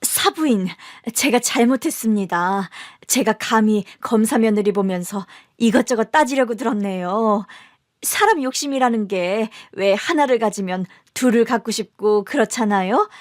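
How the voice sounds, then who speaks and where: A woman's voice: fairly high pitch, measured pace, no room sound, clean studio sound, lightly acted. A woman voicing a haughty, wealthy middle-aged mother-in-law who talks down to others, in a radio drama. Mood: groveling.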